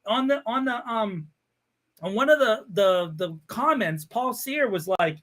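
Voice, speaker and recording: High-voiced man ranting sarcastically. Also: a little slow. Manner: animated, sarcastic ranting with frequent laughter. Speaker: podcast host. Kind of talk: casual podcast chat.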